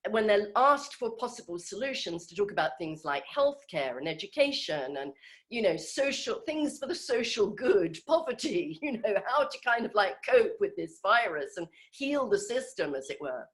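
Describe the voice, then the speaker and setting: A woman's voice: mid-range voice, very animated, normal speed. A woman giving an informal talk on a video call, conversational and hesitant, with many fillers and restarts. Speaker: speaker in an online group session.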